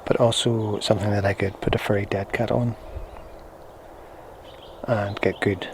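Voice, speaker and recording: A man at a normal pace and with little pitch movement casually demonstrates gear, hesitating and thinking aloud as he reviews it. His noisy audio, with a low rumble, comes from a small on-camera shotgun microphone passed through a recorder into the camera.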